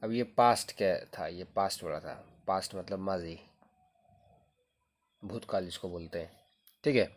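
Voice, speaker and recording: A man with a fairly low voice leads a classroom-style grammar lesson. He explains patiently, repeats key terms over and over, and keeps checking that the listener follows. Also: pauses often. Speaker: Arabic grammar teacher.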